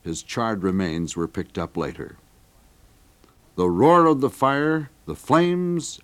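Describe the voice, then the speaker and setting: A man narrating a dramatic historical account as a documentary narrator, reading with rising intensity at vivid moments. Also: lowish voice.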